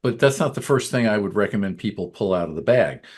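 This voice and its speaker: Measured man explaining on a podcast. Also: lowish voice, lively intonation, breathy edge. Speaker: podcast co-host, business coach. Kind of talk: casual podcast chat.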